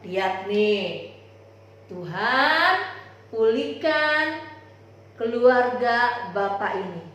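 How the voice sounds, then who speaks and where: A woman teaching Sunday school, telling a Bible story to children in an animated, sing-song way. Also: fairly high pitch, drawn-out words. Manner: animated, sing-song, talks straight to kids. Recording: echoey room.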